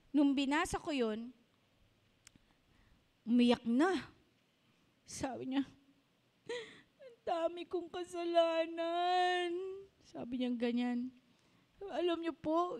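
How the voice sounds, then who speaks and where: A woman's voice: sits high, slow pace, long pauses, darkish tone. A woman pastor and doctor preaching a storytelling sermon, talking conversationally to the congregation and mixing in English phrases. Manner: conversational, addresses the congregation directly.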